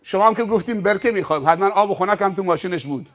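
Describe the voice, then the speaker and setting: A male preacher giving a sermon, telling stories with rhetorical questions. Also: sits high. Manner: animated storytelling with rhetorical questions.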